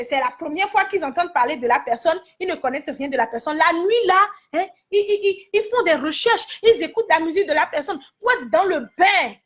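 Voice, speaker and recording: A woman's voice: extremely high pitch, fairly bright tone. A woman from Togo giving her angry opinion straight to her viewers in a heated vlog, repeating herself as she scolds. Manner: indignant, repetitive, addresses viewers directly.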